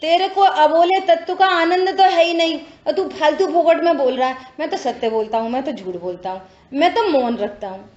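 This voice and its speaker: A woman's voice: high-pitched, moderate pace, darkish tone. A woman giving a religious discourse who explains patiently, repeats her phrases, and asks whether listeners follow. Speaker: spiritual teacher. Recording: echoey dull lo-fi room.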